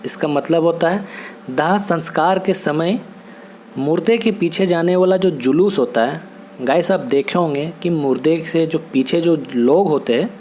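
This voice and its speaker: A man teaches vocabulary at an unhurried, patient pace. He repeats each word and keeps asking whether it is understood. A faint hiss runs under his voice. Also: fairly high pitch, darkish tone. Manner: patient, repetitive, checks in with "theek hai?". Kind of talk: Hindi-language vocabulary lesson.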